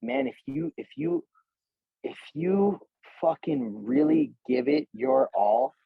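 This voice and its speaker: A man in his twenties speaks as a guest in a casual interview. His voice is husky and gravelly, and he talks slangy and earnest, swearing freely and acting out both sides of the conversations he recalls. The recording sounds dry and a bit dull, like a lo-fi setup. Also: fairly high pitch, huge pitch swings, takes it slowly, no room sound. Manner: slangy, swears freely, says "bro" a lot; retells scenes by voicing both sides of the talk. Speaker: interview guest, pro fighter.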